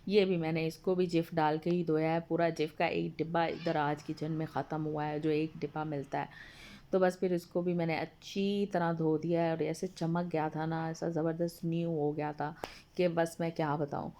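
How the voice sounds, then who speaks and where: Woman, home vlogger voice-over, slightly hoarse, low, flat and mellow, homely and polite. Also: normal speed. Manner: chatty and homely, addresses viewers politely. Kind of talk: casual voice-over narration of a home video. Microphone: voice-over recorded apart from the video.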